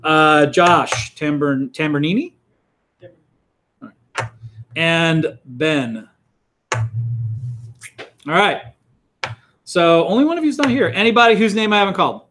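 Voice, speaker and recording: Middle-aged man, college instructor, slightly high voice, casual rambling classroom talk, roll call. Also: expressive, takes it slowly, pauses often, a bit bright, a little hiss or hum. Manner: casual and rambling, many fillers and restarts.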